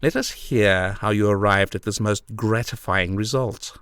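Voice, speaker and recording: A man voicing Sherlock Holmes as a grave, calm, ironic detective in an audiobook. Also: lowish voice, measured pace, clean tone, no room sound. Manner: grave and dry. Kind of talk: audiobook character voice.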